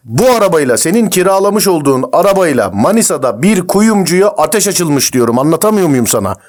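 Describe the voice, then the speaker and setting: A man posing as a crime investigator on a prank call, firing accusations at a fast clip. His voice sits a little high for a man, and he pushes hard with every question. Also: very animated, darkish tone. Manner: pushy, interrogating, rapid-fire.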